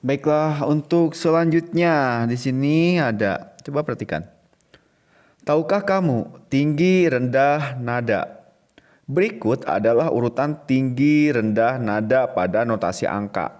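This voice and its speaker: A man's voice: mid-range voice, measured pace, a little mellow. A man teaching a recorded music lesson to children, explaining patiently and repeating each point step by step.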